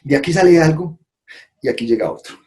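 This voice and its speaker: A man's voice: a little high, lively intonation, a little fast, darkish tone. A man giving a conference talk, acting out quoted phrases and often checking in with "¿sí?". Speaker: conference speaker. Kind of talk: live lecture to an audience.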